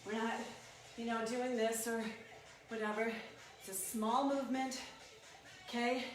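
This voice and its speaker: A woman's voice: fairly high pitch, little pitch movement, unhurried. A woman leading a workout as an aerobics instructor, giving short encouraging cues and counts. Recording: echoey room, distant mic, music behind. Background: workout music.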